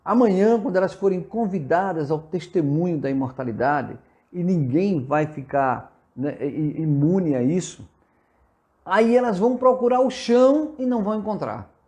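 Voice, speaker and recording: Brazilian male preacher on a livestream, higher-pitched and earnest, exhorting listeners while answering comments. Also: expressive, normal speed, darkish tone. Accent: Brazilian Portuguese. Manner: earnest and exhortative, reads out viewer comments and replies. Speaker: spiritist preacher hosting a live session. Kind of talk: live sermon-style talk answering viewer comments. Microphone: livestream from a phone or computer.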